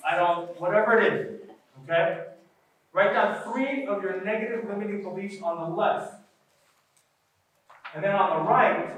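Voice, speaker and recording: A man's voice: high voice, a bit bright, far from the mic. Man teaching a workshop in an echoey room. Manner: conversational, often checks in with "right?". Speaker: workshop presenter. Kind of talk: live workshop talk.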